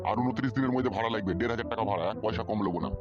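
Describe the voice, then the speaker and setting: A man's voice: on the low side, rapid-fire, lo-fi sound, lightly acted. A man playing a foul-mouthed hot-tempered village dad. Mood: gruff. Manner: swears constantly, barking and scolding. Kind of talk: comic audio drama. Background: background music.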